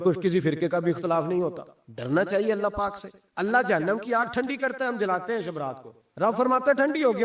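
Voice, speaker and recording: A man's voice: sits high, roomy sound, recorded from a distance. A man preaching a sermon, firing rhetorical questions at his congregation.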